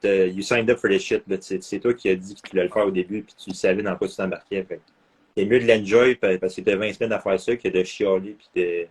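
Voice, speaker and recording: Deep husky Quebec man, blunt talk. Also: fairly even intonation, fast talker, a little mellow, rough recording. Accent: Quebec French. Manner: blunt, mixes in English phrases. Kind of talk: casual chat.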